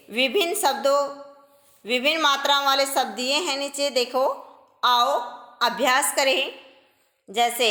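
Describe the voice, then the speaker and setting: Woman teacher for a children's grammar lesson, slow and patient, high voice, echoey room. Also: bright, forceful tone. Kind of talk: primary school grammar lesson.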